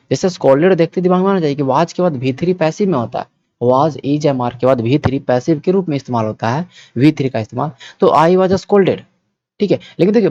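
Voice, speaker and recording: A man's voice: fairly high pitch, darkish tone, no room sound. A man teaching English grammar for exam prep in a mix of Hindi and English. He explains patiently, repeats points and often checks that students follow. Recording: dull, dry, lo-fi sound.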